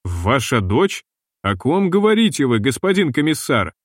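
A man reading the part of a young ship captain who asks brisk, impatient questions, in a dry recording. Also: medium pitch, very animated, no room sound.

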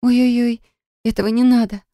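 A frightened teenage girl pleads in high, squealing cries in this audiobook scene, as a woman narrator puts her on. The voice jumps well above the narrator's own. It is recorded close and dry. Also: level tone, moderate pace, warm tone, dry recording, lightly acted. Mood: fearful. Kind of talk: audiobook character voice.

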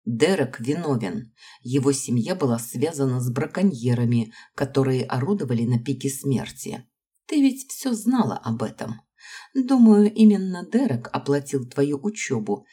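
A woman's voice: extremely low pitch, big pitch swings, normal speed, dark tone, breathy edge, heavily acted. A woman reading the part of a composed young heroine who speaks in a cold, level tone with held-back emotion.

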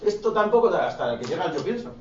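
A man's voice: sits high, sing-song, fast, a crowd in the background. A man from Spain lecturing a class on philosophy, firing rhetorical questions and teasing his students in colloquial asides. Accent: Spain Spanish. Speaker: philosophy teacher. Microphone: distant room mic. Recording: echoey, dull classroom audio from far off.

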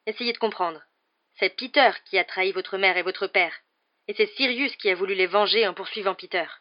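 A woman voicing a calm grown man, a teacher who explains steadily, in a dull, muffled audiobook recording. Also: mid-range voice, brisk, natural voice. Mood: urgent.

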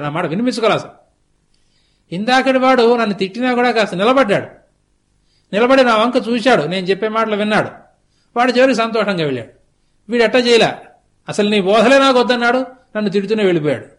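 A man with a notably high-pitched voice narrates a sacred tale as a discourse. He speaks slowly and deliberately, often repeating phrases to build the scene. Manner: slow, deliberate storytelling with lots of repetition. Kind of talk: storytelling religious discourse. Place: television studio.

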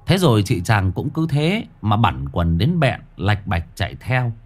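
Lively man telling a ghost story. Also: on the low side, unhurried.

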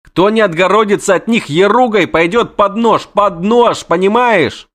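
A man's voice: sits high, moderate pace, fairly bright tone, voice pushed up. A man voicing a panicky, talkative young male bard who pleads in breathless exclamations. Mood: pleading.

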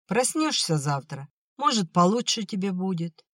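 The audiobook narrator voicing a gentle young peasant son, speaking softly and coaxingly to his drunk father. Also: medium pitch, sing-song, moderate pace, no echo, clean studio sound, pitched above the performer's own voice.

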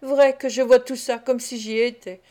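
A woman reading an audiobook voices an excitable young male pickpocket who laments and boasts. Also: fairly high pitch, moderate pace, close to an everyday voice. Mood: eager.

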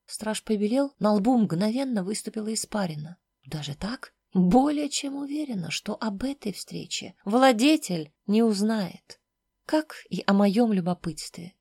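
A woman reading a fantasy novel aloud in the first person, soft and intimate, at times dropping almost to a whisper. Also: medium pitch, lively intonation, a little slow, husky, no room sound, clean studio sound. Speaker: audiobook narrator. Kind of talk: first-person audiobook narration.

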